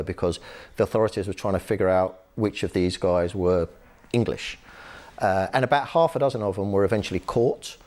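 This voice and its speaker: A man, an author and activist, explaining history in a relaxed interview, telling stories with lots of ums and restarts. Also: low-pitched. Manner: lively storytelling with frequent fillers and restarts. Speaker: author and human rights activist, guest.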